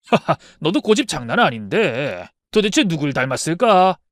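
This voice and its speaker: A man acting out a cheerful, stubborn retired father, coaxing and fond in a narrated story drama. His voice sits fairly high for a man and swings widely in pitch. The sound is close and dry. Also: very animated, moderate pace, dry recording.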